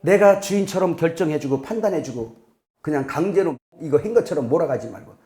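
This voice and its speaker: A man's voice: fairly high pitch, lively intonation, a little fast. Middle-aged man preaching in a roomy church. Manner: conversational, rhetorical questions to the congregation; bursts into loud sharp mimicry of scolding parents. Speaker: pastor. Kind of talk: sermon. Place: church sanctuary.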